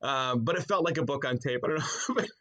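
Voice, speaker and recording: A middle-aged author and pastor appears as a podcast guest in a casual conversational interview, talking in a colloquial, jokey way as if chatting with a buddy. His voice is medium-pitched and fairly bright, and he speaks briskly.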